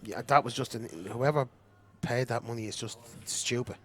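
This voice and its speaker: A middle-aged Irish man calls a pool match with loose, boastful banter. His voice sits at an ordinary pitch, and a faint hum of noise runs underneath. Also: steady tone, moderate pace. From Ireland. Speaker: commentator. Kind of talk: casual pool commentary.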